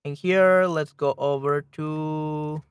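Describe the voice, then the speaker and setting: A livestream host chats casually and hesitantly, thinking aloud while troubleshooting his audio close to the mic. His voice is a little high, slow, and smooth with fairly even intonation, and the recording has no room sound.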